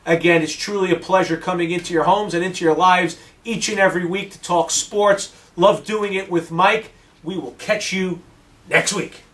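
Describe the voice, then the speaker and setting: Man, sports talk, fairly high voice, opinionated and energetic, a bit distant from the mic. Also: moderate pace, a little hiss or hum. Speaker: sports radio host and regular guest. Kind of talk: casual sports podcast chat.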